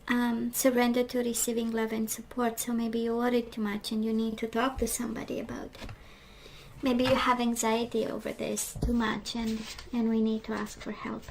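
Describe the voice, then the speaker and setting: A woman with a voice that is going hoarse, chatting casually through a tarot card reading and often asking "right?". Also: on the high side, slight background noise, low-quality recording. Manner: chatty, reflective, frequent "right?" and "we do have". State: losing her voice, clearing throat. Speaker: tarot reader.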